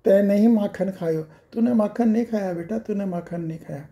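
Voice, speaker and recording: A man voicing a doting village mother in a low, gentle motherly tone. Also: moderate pace, muffled recording. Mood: pleading. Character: doting village mother, scolding then soft.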